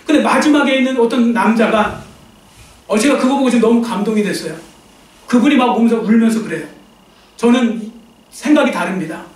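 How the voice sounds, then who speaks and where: Man, pastor, sermon, high-pitched, storytelling, heavy church echo, distant from the mic. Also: fast. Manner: animated storytelling, acting out quoted voices. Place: church sanctuary. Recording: roomy church sound from off-mic.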